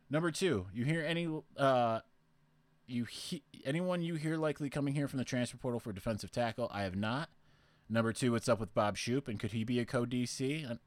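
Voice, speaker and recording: A man's voice: mid-range voice, no echo. A young man hosting a podcast, casually answering listener questions in a rambling way. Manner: rambling, with fillers and restarts. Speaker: podcast host.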